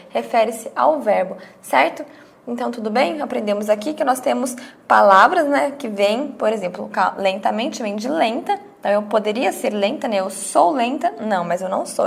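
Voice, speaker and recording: Woman teacher going over grammar, kinda gravelly, slightly high voice, keeps asking "right?". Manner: explains with rhetorical questions and checks; acts out students' questions. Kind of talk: grammar lesson.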